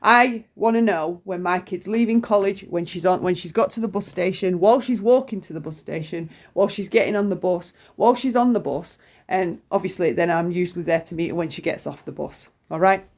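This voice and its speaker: A woman's voice: lowish voice, fairly quick, a little mellow. A middle-aged woman, chesty with flu, gives an informal, opinionated monologue in a blunt, sweary, emphatic way, often repeating herself. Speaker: true-crime commentator.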